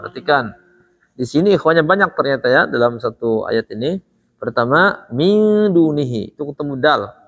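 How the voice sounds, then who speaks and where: A man teaching Quran recitation in a tajwid lesson, speaking with an Indonesian accent, slowly repeating and modelling each sound for his students. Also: mid-range voice, animated, a bit bright, breathy edge, big-room sound.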